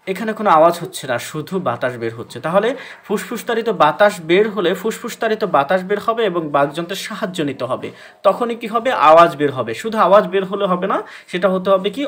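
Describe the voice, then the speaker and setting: A man's voice: high-pitched, bright, forceful tone. A man teaching a class, explaining step by step and asking questions that he answers himself, with many hesitation sounds. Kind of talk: classroom lecture.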